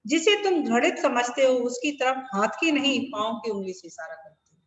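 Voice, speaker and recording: Woman teacher on a video call, fairly high voice, keeps rephrasing, big echo, long reverb. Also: expressive, normal speed. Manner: rhetorical, repeats and rephrases lines while explaining. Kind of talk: explaining a Hindi lesson over a video call. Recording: echoey room with long reverb.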